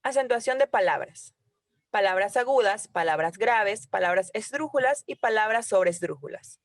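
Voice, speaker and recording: A young woman, a student, reading a class presentation in a steady, formal way. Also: medium pitch, moderate pace, dry recording, clean studio sound.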